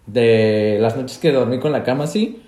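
A man's voice: mid-range voice, moderate pace, warm tone, roomy sound. A young man with a Mexican Spanish accent, animatedly telling a scary story in casual chat, laughing often.

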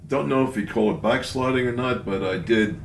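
An older man giving casual personal testimony as an interview guest, halting and plainspoken. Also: medium pitch, slight background noise. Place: room at home. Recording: roomy, echoing indoor sound.

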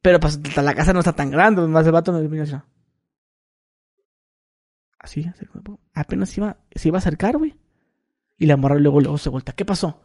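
On a casual podcast, a co-host in his thirties with a Mexican Spanish accent rambles through a story, repeating words and acting out the voices of people he quotes. His voice sits on the high side and is a little mellow, moving briskly but pausing often.

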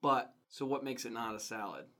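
A man's voice: mid-range voice, brisk, bright, forceful tone. Questioning man co-hosting a casual podcast. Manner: questioning, probing, with restarts. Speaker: podcast co-host. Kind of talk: casual chat.

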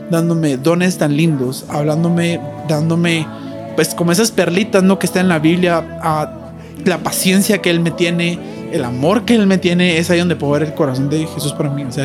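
Guy on a faith podcast, slightly high voice, rambling earnest storytelling, faint music under it. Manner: earnest, chatty storytelling with many fillers. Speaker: podcast guest. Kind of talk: casual faith podcast conversation.

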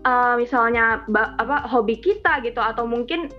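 Teen girl, high voice, earnest chatty church testimony, muffled recording with faint music behind. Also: normal speed. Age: teens. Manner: earnest, chatty, heavy use of filler tags. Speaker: student giving a testimony. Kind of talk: church testimony, casual storytelling.

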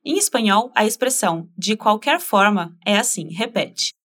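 A woman teaching a spoken language lesson, patiently modeling phrases slowly for the listener to repeat. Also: medium pitch, animated, a bit bright.

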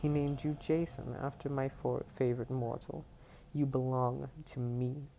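A man reading aloud, voicing an imprisoned female goddess who is commanding and ominous, in his own voice, low, measured and stern. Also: little pitch movement, creaky, dark tone, slight background noise.

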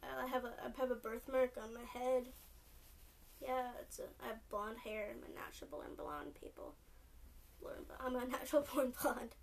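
A woman's voice: a little high, fairly even intonation, normal speed, vocal fry. A young woman from California with a Californian accent, rambling in a casual solo podcast full of "like" and "um". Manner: rambling, lots of "like" and "um", restarts often. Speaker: podcast host. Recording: distant mic with faint noise.

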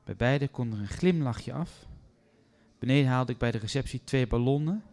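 Male storyteller, mid-pitched, calm and measured read-aloud. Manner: calm, measured, first-person telling.

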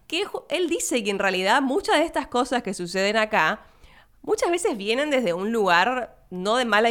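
A young Argentine woman, not from Buenos Aires, hosting a podcast and chatting casually about a film, laughing and speaking quick asides to her listeners. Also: medium pitch, fairly bright tone, clean tone. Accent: Argentine Spanish, not Buenos Aires. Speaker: podcast host.

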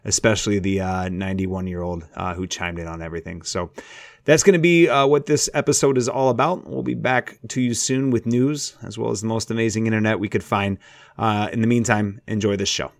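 Podcast host guy, lowish voice, dry close mic, laid back with lots of uhs. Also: fairly quick, vocal fry, no room sound. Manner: relaxed, filler-heavy intro. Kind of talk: podcast introduction.

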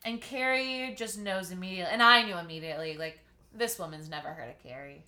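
A woman co-hosting a podcast in casual chat, chatty and quick to disagree. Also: lowish voice, bright, forceful tone. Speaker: podcast co-host.

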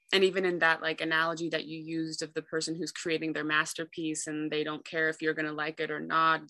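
A woman's voice: low voice, bright, forceful tone, no echo. A woman talking reflectively and candidly in conversation, feeling her way through her thoughts with hesitant repeats.

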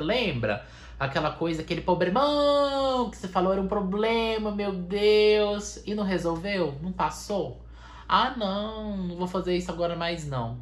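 A woman hosting a podcast, leading a playful mock guided meditation with long sighs and slow drawn-out phrases. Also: on the low side. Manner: sighing mantra-like "ai, ai", slow drawn-out soothing phrases, swearing offhandedly. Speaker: podcast host. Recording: roomy echo.

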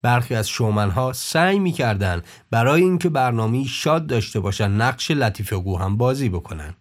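A man narrating a documentary podcast in a measured, informative scripted tone. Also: mid-range voice.

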